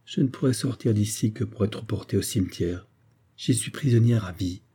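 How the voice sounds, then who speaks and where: A man's voice: lowish voice, moderate pace, a little mellow, slightly rough. A man reading aloud who voices an embittered, despairing widow with vehement outbursts. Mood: grim.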